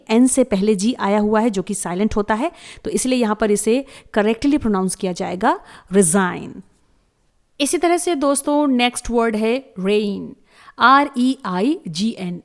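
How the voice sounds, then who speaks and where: A woman teaching a slide lesson, reading out rules slowly and spelling each word letter by letter. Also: a little high. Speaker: English teacher.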